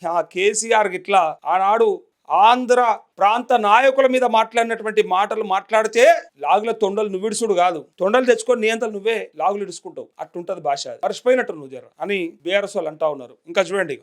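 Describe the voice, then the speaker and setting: Fiery fast-talking man with a Telangana accent. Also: high voice. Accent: Telangana Telugu. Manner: rhetorical questions, scolding, mocking. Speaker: political commentator. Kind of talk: heated political commentary.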